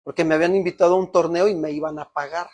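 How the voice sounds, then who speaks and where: A Mexican pastor with a somewhat husky, raised-pitch voice preaches to his congregation. He tells a story and climbs to emotional peaks. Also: steady tone, rapid-fire, a little mellow. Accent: Mexican Spanish. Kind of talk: sermon.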